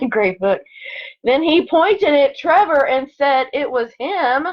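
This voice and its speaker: A second grade teacher with a high-pitched, animated voice reads aloud slowly to children online. Recorded lo-fi at home, she adds chatty asides between expressive story lines.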